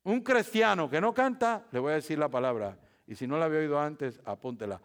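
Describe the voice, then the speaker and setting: Spanish-language preacher building to loud emphasis. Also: male voice, on the high side, lively intonation, brisk. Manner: preaching with rising, shouted emphasis and rhetorical questions; repeats phrases for emphasis. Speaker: pastor. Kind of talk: sermon. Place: church.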